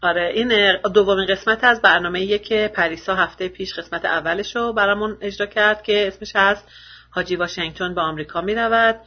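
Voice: medium pitch, fairly even intonation. A radio podcast co-host chatting casually with many fillers. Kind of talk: casual chat. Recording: muffled lo-fi recording.

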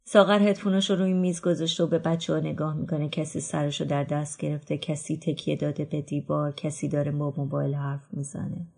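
Woman narrating an audiobook, low voice, husky and gravelly, quiet introspective reading. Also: flat delivery, hardly any pauses. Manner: quiet, introspective, drops to whispers. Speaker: book reader. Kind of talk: first-person literary narration.

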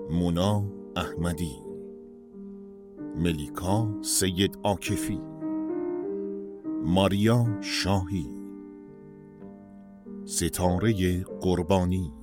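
Deep voiced guy reading the cast list, formal, piano playing clearly behind. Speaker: credits announcer. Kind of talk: reading opening credits.

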